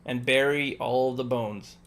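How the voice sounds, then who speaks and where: A man's voice: mid-range voice, fairly even intonation, takes it slowly, a bit bright. A man streaming a game and walking a friend through it step by step, patiently repeating instructions and joking between them. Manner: jokey, laughs between instructions. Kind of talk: casual gameplay livestream, coaching a friend.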